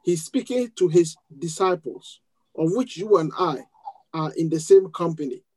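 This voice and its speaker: A man's voice: fairly high pitch, expressive, normal speed, darkish tone, poor audio. A man preaching a sermon to a congregation, leading a prayer and quoting scripture with rising, emphatic bursts. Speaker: pastor.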